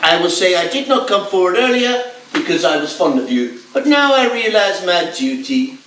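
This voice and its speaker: A man's voice: sits high, sing-song, moderate pace, fairly bright tone. A man playing a scheming con man who puts on a French accent, performed in an amateur stage play. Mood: smooth blackmail. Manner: put-on French accent, then plain English when alone with his accomplice. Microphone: distant room mic. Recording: echoey stage from far off, noisy.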